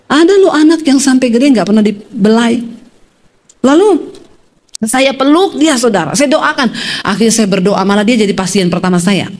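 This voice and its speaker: A woman pastor preaching in a lively, humorous, storytelling way, often turning to address the congregation directly. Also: on the high side, moderate pace. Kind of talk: sermon with storytelling.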